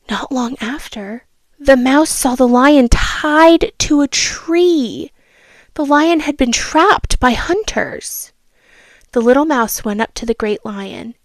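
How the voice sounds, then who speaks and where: With a fairly high voice, a woman reads aloud from a children's storybook, expressive and teacher-like, pausing for asides and to ask the listener questions. There's no echo on the recording.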